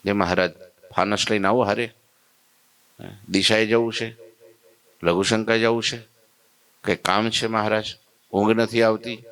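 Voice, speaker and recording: An anxious young disciple who clings to his master and fires off one worried question after another, as a male preacher puts him on. His voice sits a little higher than the storyteller's, with a lilt. It comes in lower than most men's voices. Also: little pitch movement, unhurried, pauses often, fairly bright tone. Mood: fussing. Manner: pleading, fussing with worried questions.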